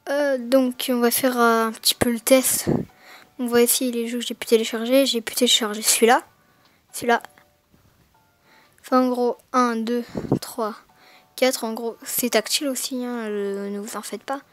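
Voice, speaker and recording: A woman with a somewhat high voice narrates an unboxing in a loose, casual way. She speaks into a gaming headset mic. Her delivery is hesitant and full of fillers and mid-sentence self-corrections. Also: flat delivery, normal speed, pauses often. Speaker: gaming video maker.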